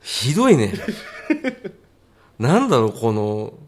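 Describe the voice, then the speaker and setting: A man co-hosting a podcast, chatting casually and teasing his partner in blunt, rough speech. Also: on the low side, huge pitch swings, slow pace. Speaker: podcast co-host. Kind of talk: casual banter.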